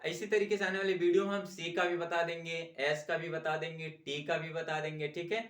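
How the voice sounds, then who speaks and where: A man's voice: a little high, flat delivery, brisk, fairly bright tone. A man teaching a basic language lesson in a questioning classroom style, who keeps checking in with the learners and repeats answers back to them. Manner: repeats "ठीक है" after each point and asks the class questions. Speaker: English teacher. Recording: echoey room.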